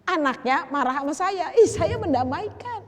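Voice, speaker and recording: A woman's voice: sits high, lively intonation, normal speed, long reverb tail. An older woman giving a chatty, teasing sermon to a women's group, slipping in Arabic phrases and slang. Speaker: preacher.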